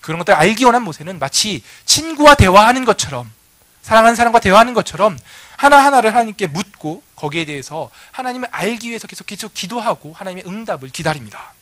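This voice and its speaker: Male pastor, bright and lively delivery, relaxed storytelling sermon. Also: high-pitched, fast, no room sound. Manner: conversational storytelling preaching.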